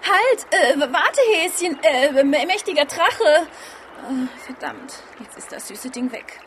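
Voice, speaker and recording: A fairly high-voiced, sharp-tongued warrior woman as acted by a woman in a fantasy audio drama. She is sardonic and teasing, with faint ambient noise behind her. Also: normal speed, close to an everyday voice. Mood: flustered.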